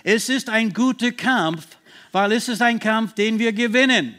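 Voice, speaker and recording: A man preaches a sermon, emphasizing Bible verses slowly and forcefully and occasionally restarting while searching for words. His voice is high and bright, with a forceful tone.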